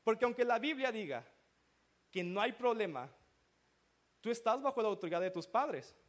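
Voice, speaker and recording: High-pitched male pastor, sermon delivery, checks in with the room often. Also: lively intonation, normal speed. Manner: preaching with rhetorical checks to the congregation.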